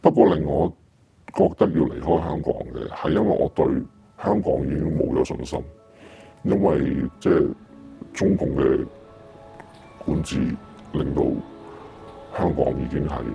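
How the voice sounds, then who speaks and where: A man interviewed with his voice disguised, speaking in a measured way. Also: rumbling low, gravelly, warm tone, lo-fi sound, soft background music.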